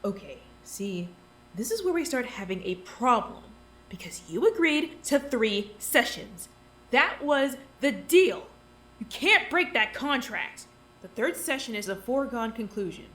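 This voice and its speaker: A woman plays a ruthless woman doctor who runs the whole place, patient on the surface and unbending underneath. Her voice is smooth and patronizing, at a middle pitch, and her delivery swings up and down lively as she presses a deal in a fan-made audio drama. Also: a little slow. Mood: coolly insistent. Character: scheming woman doctor in charge, calmly ruthless.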